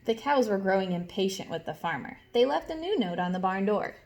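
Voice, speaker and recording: Animated woman teacher reading to children. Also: medium pitch, brisk, faint music behind. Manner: expressive, explains words and asks questions to children. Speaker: kindergarten teacher reading aloud. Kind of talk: animated storybook read-aloud for young children.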